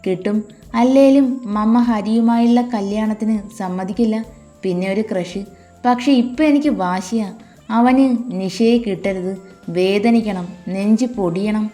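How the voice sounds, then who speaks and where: A woman's voice: medium pitch, measured pace, dark tone, soft background music, natural voice. A woman storyteller voicing a spiteful, spoiled young woman who speaks petulantly and vengefully.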